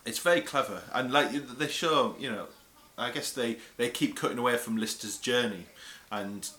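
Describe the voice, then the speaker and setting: Bright-voiced man in an echoey room. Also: mid-range voice, normal speed. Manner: chatty, laughs often, hedging with ums. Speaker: podcast co-host. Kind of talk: casual commentary chat.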